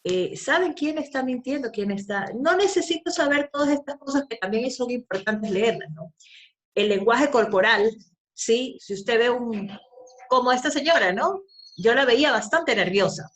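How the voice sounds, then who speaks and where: A woman's voice: fairly high pitch, expressive, normal speed. Emphatic woman lecturing on law. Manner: emphatic, repeats key phrases, frequent tag questions.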